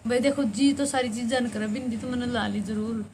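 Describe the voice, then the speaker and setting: A woman's voice: a little high, fairly even intonation, a little fast, darkish tone, a little hiss or hum. A woman with a Haryanvi accent telling a personal story in an earnest, rambling way, often repeating her phrases. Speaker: vlogger.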